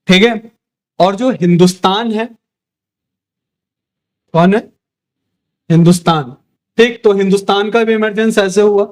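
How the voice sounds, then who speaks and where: Lecturing his class in a high, darkish-toned voice, a young male teacher keeps asking questions and then answering them, stopping often to confirm his students are following along.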